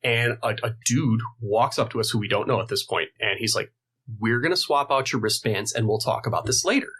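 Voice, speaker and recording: A man in his thirties, a guitar builder, casually telling a story and acting out the people in it with lively voices. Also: mid-range voice, brisk, husky. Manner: animated storyteller who acts out quoted people. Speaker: guest luthier.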